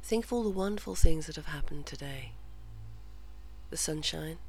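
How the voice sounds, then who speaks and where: A person softly delivering guided relaxation and verse in a soothing, measured way, slipping in and out of a whisper. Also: mid-range voice. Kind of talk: slow guided relaxation and soft poetry reading, often whispered. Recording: clearly audible hum and background noise.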